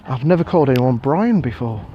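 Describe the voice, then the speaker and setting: A man's voice: medium pitch, animated, brisk, muffled recording, a little hiss or hum. An English man in his thirties rambling bluntly and swearing while walking outdoors past fields, filming himself on a phone. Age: 30s. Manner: sweary, blunt, ranting with sarcastic put-on voices. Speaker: vlogger. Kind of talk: casual rambling vlog.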